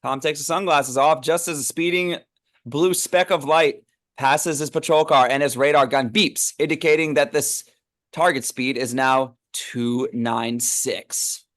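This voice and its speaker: A man's voice: a little high, fairly even intonation, a little slow, a bit bright. A man narrating a script read, reading stage directions aloud in an informal, amused way.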